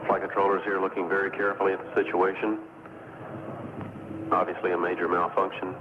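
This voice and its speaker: A man giving calm, measured mission control commentary over a crackly radio transmission. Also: low voice. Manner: calm, measured, matter-of-fact. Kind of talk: live launch commentary. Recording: tinny, noisy archive radio feed.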